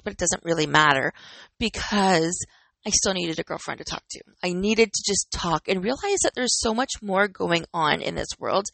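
A woman's voice: on the low side, creaky, a bit bright, dry recording, rough recording. A woman in her forties talking in an earnest, encouraging and reflective way, as host of a personal motivational talk, smiling as she speaks. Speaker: podcast host.

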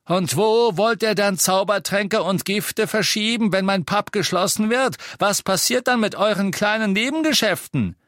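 A man voicing a gruff, defiant old male innkeeper wizard who bellows scornfully at his enemies. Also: mid-range voice, lively intonation, takes it slowly, pauses often, no room sound, clean studio sound. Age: older.

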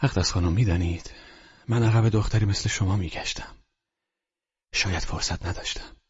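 A gentle, earnest aging doctor murmurs his confession in a hushed, near-whispered voice, as a male narrator puts him on. The voice sits very deep and husky, with a dry, dull lo-fi sound like an old audiobook. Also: dry recording. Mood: tender, confiding. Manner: speaks softly, often in a hushed whisper.

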